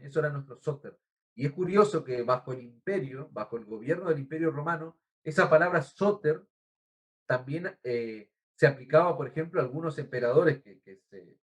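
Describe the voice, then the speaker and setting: Over a muffled recording comes a medium-pitched male voice with an Argentine Spanish accent, a pastor preaching with earnest, teacherly care. He calls his congregation brother and pauses to explain and spell out words.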